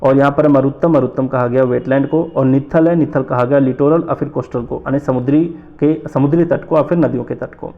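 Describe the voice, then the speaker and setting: Gravelly-voiced male exam tutor. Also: medium pitch, fairly even intonation, phone-quality sound. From North India. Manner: explains slowly, repeats terms, asks rhetorical questions. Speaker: teacher. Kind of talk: exam-prep lecture.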